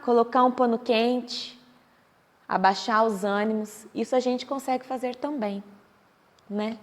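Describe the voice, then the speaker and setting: A Brazilian woman giving a public talk at a Spiritist center, telling a story and acting out what other people say. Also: sits high. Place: meeting hall of a Spiritist center. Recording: echoey hall.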